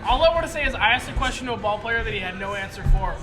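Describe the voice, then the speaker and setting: Brash high-voiced young man in a pub. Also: animated, very fast. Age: 20s. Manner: brash, joking. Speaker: podcast guest. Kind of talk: casual chat over drinks. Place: busy pub. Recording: loud pub music behind.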